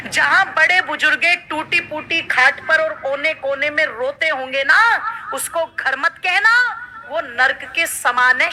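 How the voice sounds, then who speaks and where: Emphatic high-voiced woman preacher. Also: pushed and bright, a little hiss or hum, rough recording. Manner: emphatic, urging the crowd to answer aloud. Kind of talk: devotional sermon to an audience.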